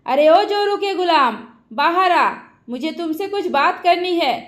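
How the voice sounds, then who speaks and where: Woman doing an angry mother, shrill scolding, echoey room. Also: measured pace. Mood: furious. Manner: shouting, scolding. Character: angry middle-aged mother scolding her son. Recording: roomy echo.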